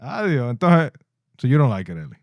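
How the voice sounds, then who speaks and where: A man's voice: medium pitch, huge pitch swings, fast talker, dry recording, dull audio. A man with a Dominican accent, co-hosting a podcast in casual chat that mixes English and Spanish, playful and teasing, laughing often. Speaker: podcast co-host.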